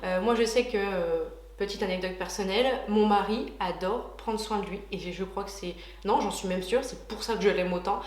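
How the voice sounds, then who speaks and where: A woman's voice: medium pitch, moderate pace, hardly any pauses, echoey room. A woman beauty vlogger chatting casually and enthusiastically through a product unboxing, with frequent hesitations.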